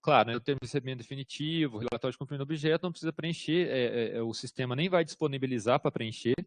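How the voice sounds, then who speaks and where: A man's voice: mid-range voice, rapid-fire, no room sound. A man from Brazil answering questions in an online workshop, explaining in an informal way with lots of fillers and check-ins. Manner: informal, repeats "tá?" and hesitant fillers. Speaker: government systems instructor.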